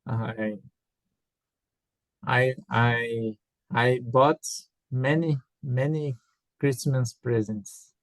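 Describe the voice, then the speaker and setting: A beginner English student with a Brazilian Portuguese accent, speaking haltingly and repeating words. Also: mid-range voice, steady tone, dry recording.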